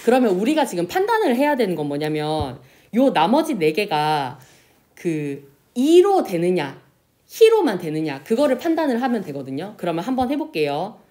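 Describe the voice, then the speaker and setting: A woman teacher giving a classroom lesson, asking questions and answering them herself, and drawing out example words slowly. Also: medium pitch. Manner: lively, pronounces example words slowly and drawn out. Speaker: Korean language teacher. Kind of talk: classroom lecture.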